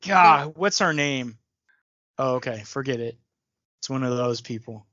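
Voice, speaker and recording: A man's voice: mid-range voice, measured pace, pushed and bright, no echo. A man hosting a podcast, chatting casually over a video call and bantering in a joking, self-mocking way. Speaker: podcast host. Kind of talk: casual chat. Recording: muffled lo-fi video call audio.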